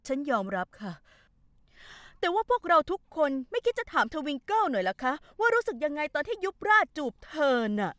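A woman's voice: sits high, very animated, fairly quick, a bit bright, no room sound, clean studio sound. A woman voicing a stern middle-aged mother who scolds haughtily in a dubbed TV drama.

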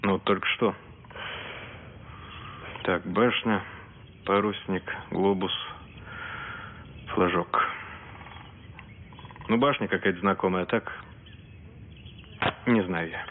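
Gruff, low-voiced soldier. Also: male voice, steady tone, slow pace, pauses often. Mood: puzzled. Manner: colloquial, blunt. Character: gruff, down-to-earth Russian soldier. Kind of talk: film acting. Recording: phone-like film audio, faint outdoor noise.

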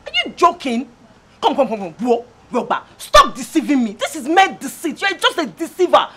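A furious, shrill girlfriend. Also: big pitch swings, fairly quick, heavily acted. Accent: Nigerian. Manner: sharp, scornful, shouting. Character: fed-up young girlfriend, furious and shouting.

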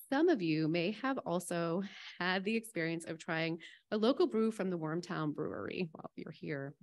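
A woman from Massachusetts giving a conference welcome speech with announcements, chatty and joking, laughing between lines into a podium mic in a conference room. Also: on the low side.

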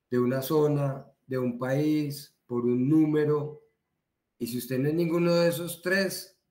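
A man's voice: mid-range voice, darkish tone. A man with a Colombian accent giving a training talk in a conversational way, repeating words for emphasis. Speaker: instructor. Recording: roomy echo.

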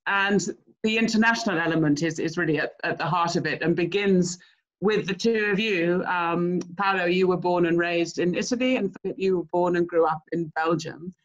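Woman interviewer, friendly and chatty, lo-fi call audio. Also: on the low side. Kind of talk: interview questions. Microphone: video call.

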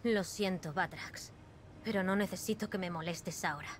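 A woman's voice: lowish voice, moderate pace, noisy background, close to an everyday voice. An actress playing a defiant, headstrong young woman adventurer in a dramatic video game style. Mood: resolute.

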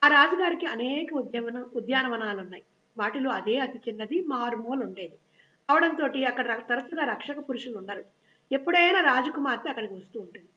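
A woman storyteller reading a children's story aloud in a steady, unhurried way. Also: high-pitched. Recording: dull lo-fi recording.

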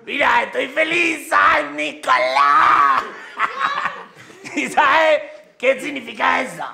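A man playing a giddy, boastful male politician who visits Santa, shouting and laughing through his lines. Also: very high-pitched, wildly swooping pitch, slow pace, vocal fry, echoey room, noisy background, full character voice.

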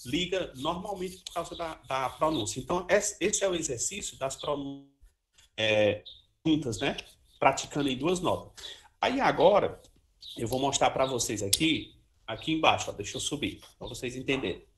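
In an informal music lesson, a man with a medium-pitched voice and lively intonation teaches trombone at a moderate pace. He talks freely, sings brief syllables to model articulation, and uses many "ó" and "né" tags.

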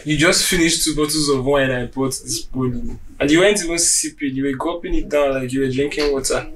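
An actor with a Nigerian accent playing a calm, caring young boyfriend who speaks in a soothing, reassuring way. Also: male voice, medium pitch, brisk, slight background noise, natural voice, rough recording. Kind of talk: film drama acting.

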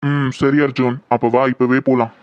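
A man's voice: medium pitch, level tone, normal speed, a little hiss or hum, lightly acted. A man voicing a worried assistant police commissioner in a horror audio drama, talking earnestly and troubled. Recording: dull lo-fi, dry.

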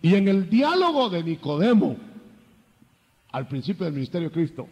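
An older man preaching a sermon, lively, acting out biblical dialogue in changing voices. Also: sits high, normal speed, slightly rough, big-room sound, highs cut off.

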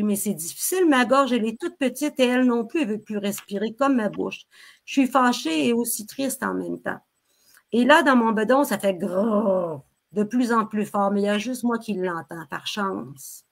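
A woman with a Québécois accent reading her own novel aloud on a live stream, telling it dramatically in a child's first-person voice, with sudden loud pleas. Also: on the high side, normal speed. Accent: Québécois French.

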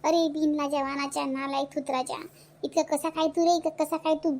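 A woman voicing a shrill, furious Vidarbha village mother. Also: level tone, a little fast, a little mellow. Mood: furious scolding. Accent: Vidarbha Marathi. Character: scolding widowed village mother, middle-aged, fierce. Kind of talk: cartoon voice acting.

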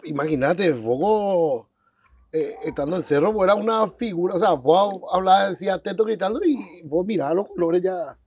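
A man hosting a casual interview, chatty and quick to finish his guest's sentences. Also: high-pitched, a little mellow, lo-fi sound. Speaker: host.

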